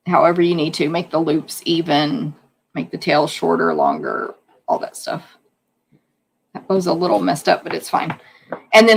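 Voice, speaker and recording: Woman craft instructor, hoarse and gravelly, chatty hands-on demo delivery. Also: lowish voice, a little hiss or hum. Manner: chatty, hands-on explaining while working. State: losing her voice. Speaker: card-making instructor. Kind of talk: live craft demonstration.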